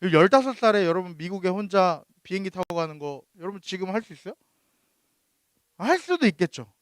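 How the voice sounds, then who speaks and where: A man's voice: high voice, big pitch swings, a little fast, dry recording, studio quality. A youth pastor in his thirties giving a sermon. He tells a personal story and often turns to ask the teenagers questions.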